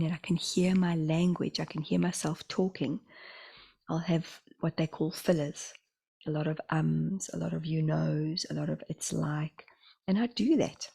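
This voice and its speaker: A low, gravelly woman's voice with a husky edge and a New Zealand accent. She speaks with a slight lisp, half-whispering and stretching out the words she wants to stress, in a relaxed spiritual vlog. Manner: soft, half-whispered, slows on key phrases. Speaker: spiritual channeler. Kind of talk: casual spiritual vlog talk.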